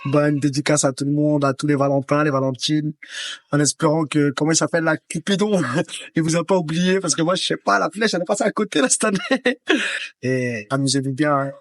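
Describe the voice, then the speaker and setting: A man's voice: on the high side, fairly quick, dry recording, clean studio sound. A man joking and laughing through dedications in an archive interview clip, heard slightly off-mic.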